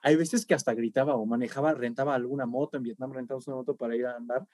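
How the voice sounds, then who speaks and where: A man's voice: mid-range voice, very fast, no echo, studio quality. A man, a podcast guest in casual chat, reeling off travel stops and laughing often. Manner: animated, laughs often, long lists of places.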